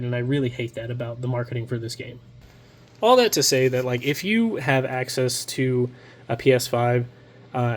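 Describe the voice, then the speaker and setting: A man's voice: mid-range voice, a little mellow. A man with a nasal voice from being sick, giving a chatty, casual video game review with many ums and uhs.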